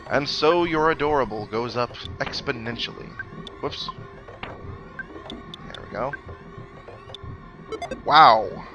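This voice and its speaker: This let's play host has a mid-range, expressive voice and takes his time, pausing often. With video game music playing behind, he casually reads game dialogue aloud and drifts into wry, musing asides.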